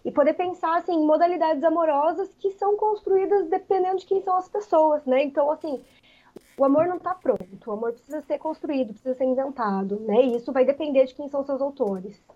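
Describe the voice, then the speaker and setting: A woman author answering interview questions in a reflective way, pausing often with filler words. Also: high voice, dark tone, muffled recording. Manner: reflective, many pauses and "né" fillers.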